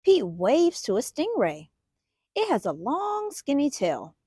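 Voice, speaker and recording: A woman's voice: high-pitched, huge pitch swings, slow, mellow, no room sound, studio quality. A woman hosting a children's storytime, reading a picture book aloud expressively and putting questions to young listeners. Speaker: children's storytime host and reader.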